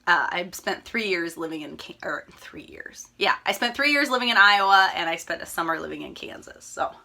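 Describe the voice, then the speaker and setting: A woman's voice: lowish voice, expressive, brisk, vocal fry, sharp tone. A young woman from Minnesota hosting her cross-stitch channel, chatting to viewers in a rambling, upbeat way that keeps correcting itself, her voice a little worn. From Minnesota, USA. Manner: upbeat and gushing. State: slightly losing her voice. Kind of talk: casual chat to viewers.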